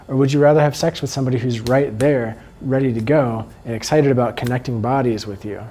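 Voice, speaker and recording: A man talks through a lesson in a calm, earnest manner. His voice is warm and low in tone, and he often slows down and quiets to let an idea land. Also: a little hiss or hum. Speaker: sex educator. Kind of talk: instructional talk.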